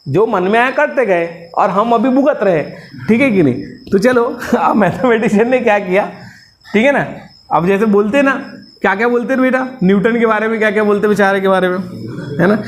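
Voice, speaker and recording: A man with a high, brisk voice gives a classroom lecture, with a faint hiss or hum in the recording. He jokes around, calls his students "beta" (बेटा), and keeps checking with them by asking "hai na?" (है ना?).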